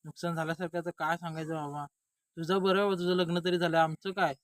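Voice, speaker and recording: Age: adult. Sex: man doing a grumbling village friend. Volume: loud. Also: a little high, level tone, quick pace, dry recording, studio quality, natural voice.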